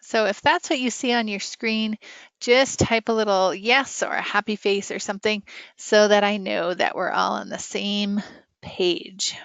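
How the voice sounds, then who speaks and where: A woman teaches a casual, interactive online writing lesson, chatting and asking her students lots of questions. Her medium-pitched voice is steady, creaky, and a bit bright, at a measured pace with no echo. The class audio is dull and lo-fi.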